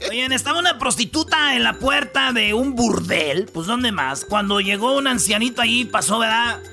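Playful Mexican radio joke teller. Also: male voice, extremely high pitch, animated, moderate pace, vocal fry, over music. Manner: loud, playful, laughing storyteller. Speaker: radio comedy host.

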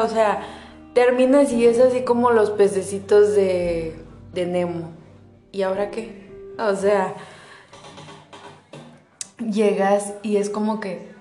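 Young Mexican woman, vlogger, warm mellow voice, swears freely and talks straight to camera, in a roomy room. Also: on the low side. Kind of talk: casual monologue to the viewer. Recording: roomy echo.

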